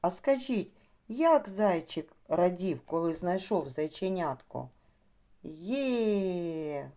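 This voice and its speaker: A woman giving a speech lesson to small children, talking in a slow, sing-song way. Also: lowish voice, sing-song, dark tone. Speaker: preschool speech teacher.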